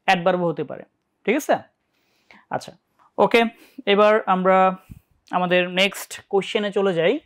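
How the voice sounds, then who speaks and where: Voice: mid-range voice, fairly even intonation, moderate pace, long pauses. A teacher with a Bangladeshi Bengali accent giving a live online English lesson for university admission tests, often checking in and asking students questions. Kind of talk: live online class lecture.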